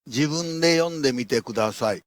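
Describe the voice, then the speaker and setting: A man teaching a language lesson, laying out his points one by one in a deliberate, instructional way. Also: medium pitch, no room sound. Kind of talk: instructional narration.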